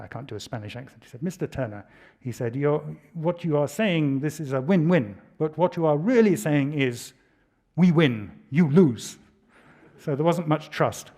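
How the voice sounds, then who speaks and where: A man's voice: a little high, a little mellow. British man telling lecture anecdotes. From Britain. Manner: conversational storytelling, dry humor. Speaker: lecturer, former ambassador. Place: lecture hall.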